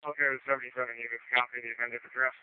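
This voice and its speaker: A man's voice: medium pitch, little pitch movement, very fast, clear, resonant tone, no echo. A man on a rescue unit talking in clipped, procedural phrases over a two-way emergency radio, with a narrowband transmission sound. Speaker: responding rescue unit member.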